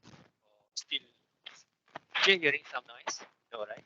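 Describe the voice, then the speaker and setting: A man's voice: mid-range voice, expressive, slow, muffled recording. A man attending a webinar who speaks over glitchy online call audio that keeps breaking up, hesitant and checking whether he can be heard. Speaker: webinar attendee asking a question. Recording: loud noisy, broken-up call line.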